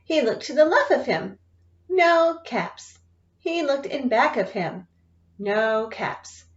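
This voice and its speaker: A woman teacher reading a picture book aloud to children, expressive and often asking them questions. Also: sits high, slow, echoey room. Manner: expressive, asks listeners questions. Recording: dull lo-fi sound.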